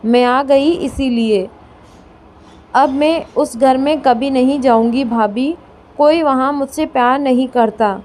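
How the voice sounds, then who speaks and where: Woman doing a spoiled tearful young wife, storybook, slow delivery. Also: high voice, darkish tone. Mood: complaining. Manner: complaining, tearful.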